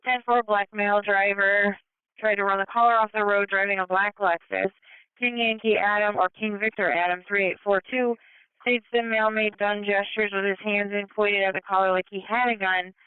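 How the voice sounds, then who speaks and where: A woman's voice: medium pitch, steady tone, normal speed, smooth, dry recording. A woman working as an emergency dispatcher on police radio, reading out codes and addresses procedurally over a radio transmission. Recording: phone-like police scanner radio, dry.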